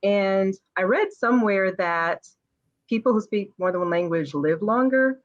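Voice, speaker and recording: A woman guest in a casual interview, speaking in a measured, reflective way. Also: mid-range voice, lively intonation, dull audio.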